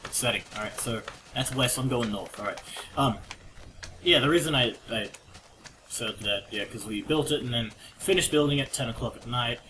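Excitable young man narrating a game. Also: medium pitch, normal speed. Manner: rambling, excitable, jokey with sudden outbursts. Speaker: let's play commentator. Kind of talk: casual gameplay commentary. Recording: noisy home recording with keyboard clicks. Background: keyboard typing and clicks.

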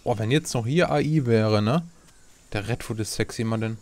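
A man with a German accent co-hosting a let's play, excitable and teasing, laughing often. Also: on the low side, normal speed. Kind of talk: casual gaming chat.

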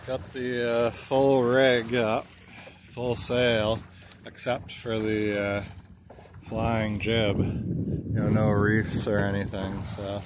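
A man narrating casually while sailing a small boat, talking in an unhurried way with many filler pauses, recorded outdoors at sea on a boat-mounted camera. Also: fairly low pitch, little pitch movement. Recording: wind and water noise outdoors. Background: wind and water noise.

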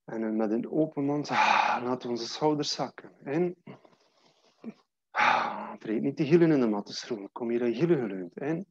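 A man guiding a yoga class, calmly cueing breath and posture in a steady way. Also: medium pitch, a little fast, dry recording, lo-fi sound. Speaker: yoga teacher. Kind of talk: guided yoga class instruction.

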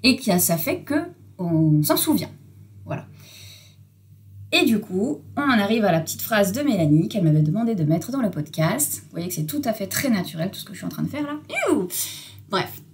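A woman's voice: medium pitch, lively intonation, brisk, a little hiss or hum. A woman in her forties hosting a casual solo podcast, chatty and self-mocking, with many fillers and asides. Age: 40s. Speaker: podcast host.

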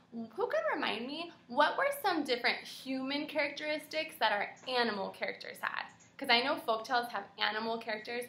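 This time there's vocal fry in her slightly high voice, which comes across pushed and bright, with a faint hiss or hum on the track. The young kindergarten teacher reads and asks the children questions in a supportive, carefully enunciated way, recorded on echoing home video in a small room.

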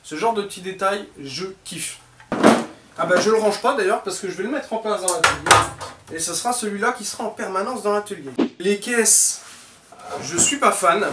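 Inside a cluttered, echoey home workshop, a high-voiced man chats informally about tools he's unboxing, addressing viewers as "les gars." The sound comes from a camera mic set at a distance, with a roomy echo and a little background noise.

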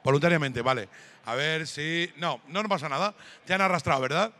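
A middle-aged man doing stand-up comedy at a live event, teasing the crowd and breaking into shouts. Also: on the high side, a little fast. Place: hall at a gaming event with live audience.

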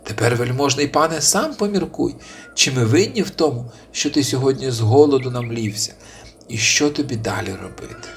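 A man voicing a clever little male hare who speaks very politely and flatteringly, pleading and scheming, in a storybook reading. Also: mid-range voice, brisk, a little hiss or hum, natural voice.

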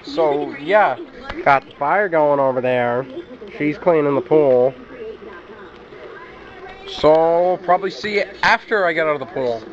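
A man's voice: fairly high pitch, measured pace, long pauses, dull audio. A man doing a casual daily vlog to camera, chatting loosely and speaking straight to his viewers. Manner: rambling, chatty, addresses viewers directly. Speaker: daily vlogger.

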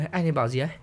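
A man's voice: fairly high pitch, creaky. A man hosting a game video, chatting casually and teasing jokingly as he plays. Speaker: gaming channel host.

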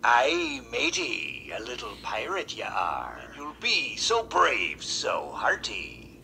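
A man playing a gruff, hearty old sailor in a theatrical app character voice. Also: mid-range voice, wildly swooping pitch, pushed and bright, slight background noise, full character voice. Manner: gruff old seafarer talk, slow and theatrical.

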